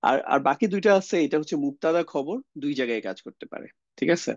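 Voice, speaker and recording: A man's voice: a little high, animated, quick pace, a little mellow, no echo, muffled recording. A young man teaches a grammar lesson, explaining step by step, mixing in English words and asking rhetorical questions. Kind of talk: lecture on Arabic grammar.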